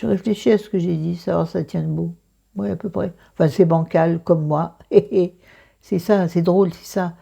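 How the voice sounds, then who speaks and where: A woman with a croaky morning voice and vocal fry, chatting casually through a book review in a self-mocking, digressive way, thinking aloud. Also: on the low side, fairly even intonation, normal speed, mellow.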